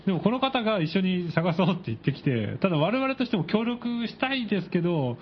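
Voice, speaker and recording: A wry, skeptical male co-host in casual radio chat, answering often with short agreeing replies. His voice is mid-pitched and moves through a wide, animated range. The recording is dull and lo-fi, with a faint hiss behind it. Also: a little fast. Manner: wry, skeptical, frequent backchannel.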